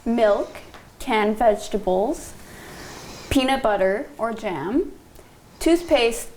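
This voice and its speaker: A woman's voice: on the high side, animated, takes it slowly, darkish tone, slight background noise, poor audio. A woman co-hosting community radio, reading local notices plainly and teasing her co-host. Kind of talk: community radio announcements and banter.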